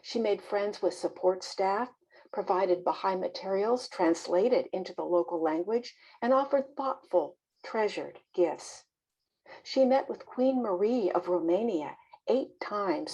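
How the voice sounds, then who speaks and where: A woman presenting a devotional fireside, reading a biographical narrative aloud in a measured, expressive way. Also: mid-range voice, slightly rough, rough recording.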